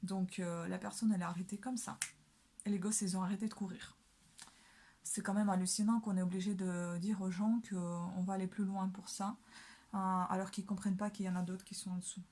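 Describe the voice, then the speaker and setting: A woman's voice: medium pitch, little pitch movement, fairly quick, a little mellow. Young woman yapping away doing her makeup, lots of euhs. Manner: chatty, many hesitations and fillers. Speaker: beauty vlogger. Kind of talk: casual chat while doing makeup.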